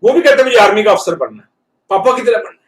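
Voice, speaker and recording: A man, a professor, giving an earnest motivational talk in a lecture hall and slowing down to stress key words. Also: high voice, animated. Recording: echoey hall, speaker far from mic.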